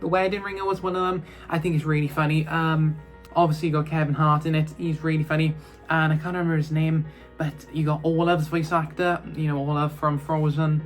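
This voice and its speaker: A man's voice: fairly high pitch, flat delivery, a little fast, faint music behind. A man reviewing films in a casual, rambling chat, full of fillers and restarts. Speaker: film reviewer.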